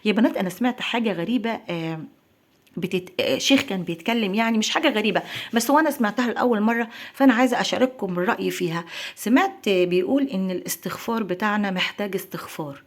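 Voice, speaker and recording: Fast-talking Egyptian woman vlogger. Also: medium pitch. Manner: earnest and prayerful, addressing viewers as girls. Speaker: lifestyle vlogger. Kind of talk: heartfelt religious talk to viewers.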